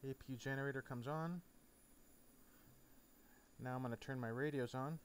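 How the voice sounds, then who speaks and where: The narrator, a man with a medium-pitched voice at a moderate pace, explains a flight simulator informally, step by step. Behind him there's clear, steady noise and no game sound.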